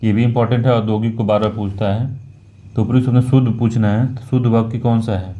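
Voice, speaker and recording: Man exam tutor, low mellow voice, repeats words and corrects himself, dull lo-fi recording. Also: fairly even intonation. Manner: slow and repetitive, correcting himself. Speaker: exam prep teacher. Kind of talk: talking through a Hindi test question by question.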